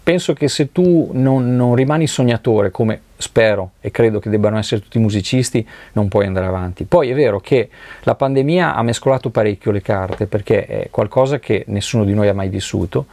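Speaking in a warm, lowish voice with no echo, a middle-aged man from Italy talks reflectively about his life as a session drummer. The relaxed conversational interview takes place in a recording studio, and he hunts for words along the way.

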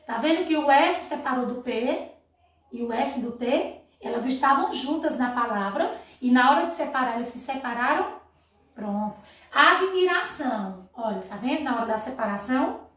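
High-voiced teacher in an echoey room. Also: female voice, a bit bright, recorded from a distance. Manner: slow, stretched-out reading of example words with frequent "tá vendo, ó?" checks. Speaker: primary school teacher. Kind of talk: online class for young children.

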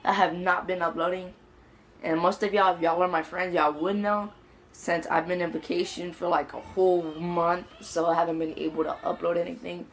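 A man's voice: high-pitched, little pitch movement, normal speed, fairly bright tone, slight background noise. A teenage boy vlogging casually into his phone, telling a story in rambling slang full of "like". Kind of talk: casual story time vlog. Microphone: phone mic.

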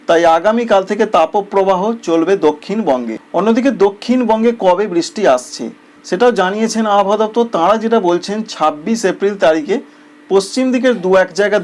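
Sitting high and a little mellow, this man's voice carries a semi-scripted weather bulletin, delivered in an explanatory, emphatic style with phrases repeated so they come across clearly.

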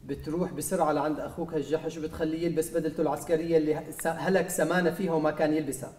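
A man's voice: a little high, flat delivery, racing, a little mellow, reverberant, close to an everyday voice. A man voicing a stern, contemptuous old male ex-dictator who scolds his son, with a Syrian Arabic accent. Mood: commanding.

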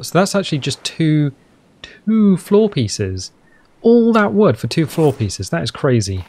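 A man with a smooth English accent giving chatty, playful let's play commentary as a gaming channel host, with self-mocking asides. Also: mid-range voice, darkish tone.

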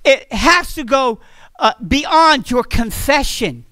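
A man's voice: extremely high pitch, animated, takes it slowly, pushed and bright, clean tone, no room sound. A man preaching a sermon at a church fellowship, earnest and repeating phrases as he goes.

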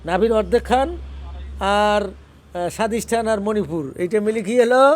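High-voiced man teaching. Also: a little mellow. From Bangladesh. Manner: explains by asking questions, then chants slowly. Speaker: religious teacher. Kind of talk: spiritual teaching to a group.

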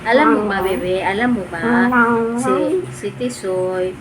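A young woman chatting to her pet in teasing, sing-song baby talk that jumps up high when she coaxes it. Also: slow pace, over a noisy crowd, rough recording. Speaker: pet vlogger. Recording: loud background noise.

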